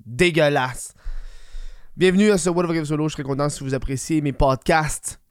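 A man with a Quebec French accent and a slightly high voice hosts a podcast on his own. He talks in loose, slangy, sweary chat, broken by coughs. The sound is very dry, with no room echo. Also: brisk, smooth. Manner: coughing between phrases; informal, slangy, swears freely. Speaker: solo podcast host.

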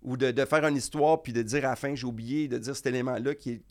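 A man with a Québécois French accent, a comedian chatting casually and telling rambling, animated stories. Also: mid-range voice, fast. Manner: animated storyteller, rambling restarts. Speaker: comedian guest. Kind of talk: casual chat.

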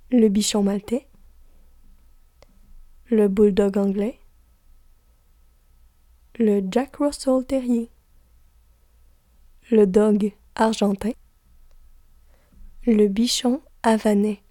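Slow soft-spoken Québécoise woman. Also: a little high, no room sound, studio quality. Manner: soft, slow, drops to a whisper for asides. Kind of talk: slow list reading with asides.

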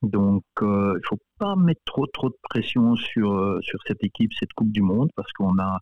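Man, guest coach, low-ish voice, halting and repetitive, phone-line audio. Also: a little hiss or hum. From Belgium. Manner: hesitant, many repeated words and fillers, laughs often. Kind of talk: casual radio interview.

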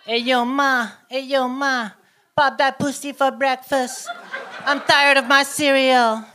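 A squeaky chipmunk-voiced kid rapper, put on by a man with a Quebec French accent, piping far above a normal speaking voice. The chipmunk voice is bright and thin, and its rap lines come out slowly and drawn out. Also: level tone, a little hiss or hum, full character voice. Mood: cheeky. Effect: high-pitched chipmunk voice. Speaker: stand-up comedian. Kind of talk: stand-up bit.

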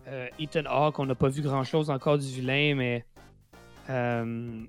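A man's voice: medium pitch, little pitch movement, measured pace, smooth, soft background music. A man with a Québécois accent hosting a casual chat, rambling and repeating his words as he reviews a series. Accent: Quebec French. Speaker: podcast host.

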